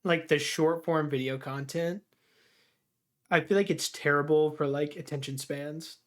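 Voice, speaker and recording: A young man with a slightly high voice talks in a loose, laid-back way, filling his speech with "like" and "dude." He grumbles his opinions in easy conversation with a friend on a livestream. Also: steady tone, unhurried. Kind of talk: casual chat.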